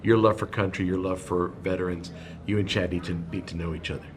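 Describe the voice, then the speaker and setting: A man's voice: deep voice, steady tone, fast talker, a crowd in the background. A man from Cuba hosting a casual interview chat, easygoing and agreeable. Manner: easygoing, affirming with frequent yeahs. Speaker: show host.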